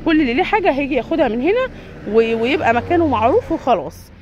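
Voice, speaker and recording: A woman's voice: high-pitched, big pitch swings, racing, darkish tone, muffled recording, slight background noise. A woman with an Egyptian Arabic accent casually touring viewers around a poultry yard and shop, talking straight to them as she walks. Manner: chatty, addresses viewers directly while touring. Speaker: vlogger giving a tour. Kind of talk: casual walk-through vlog.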